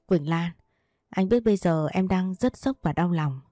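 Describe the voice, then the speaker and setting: Woman voicing kind husband, soft patient delivery, dark mellow tone, dry close sound, audio story. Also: lowish voice, lively intonation, a little slow, no room sound, faint music behind. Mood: soothing. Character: gentle caring adult husband, man. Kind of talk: read storybook dialogue.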